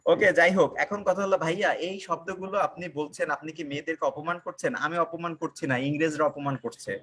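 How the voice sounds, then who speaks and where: Young male online tutor, slightly high voice, quizzes viewers and repeats himself. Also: a bit bright. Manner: asks the class questions and answers them himself, repeats key lines. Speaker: online English teacher. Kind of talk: live online class, teaching and joking.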